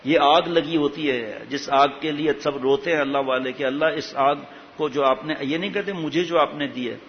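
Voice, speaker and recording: A man preaching a sermon with passion, asking the listeners many rhetorical questions. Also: a little high. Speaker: religious preacher. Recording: echoey hall, dull lo-fi sound.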